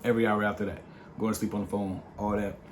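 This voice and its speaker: A young man casually telling the story of how he met his partner, in a playful, slangy, animated way. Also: on the low side, quick pace, slight background noise. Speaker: vlog co-host.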